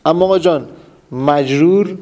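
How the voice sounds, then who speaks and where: A man's voice: a little high, dark tone. A man teaching a class, quizzing students with repeated questions and drilling terms emphatically. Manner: repetitive quizzing, asks and answers his own questions. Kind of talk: classroom lesson.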